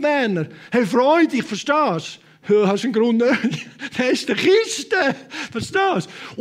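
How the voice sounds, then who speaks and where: A man with a Swiss German accent preaches to his congregation in a notably high voice. He moves between loud, fervent proclamation and hushed asides, often slipping English words into his speech. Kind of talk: sermon. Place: church hall with a congregation.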